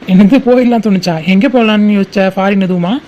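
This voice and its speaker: A woman's voice: medium pitch, quick pace, dark tone, muffled recording, lightly acted. A woman voicing a playful, devoted young man in a cartoon, teasing and affectionate. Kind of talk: cartoon voice acting.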